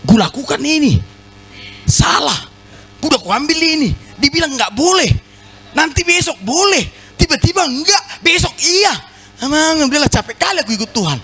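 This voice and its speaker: A man's voice: very high voice, big pitch swings, moderate pace, bright, forceful tone, pitched above the performer's own voice, full character voice. A man voicing a weary, grumbling male churchgoer with a Batak accent, whining about how hard following God is. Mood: exasperated. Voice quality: whiny, complaining.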